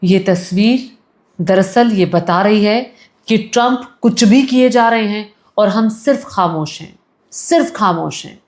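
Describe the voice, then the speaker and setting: A woman's voice: medium pitch, a little slow, a little mellow. A woman news commentator delivering opinion commentary, indignant and firing rhetorical questions at the audience.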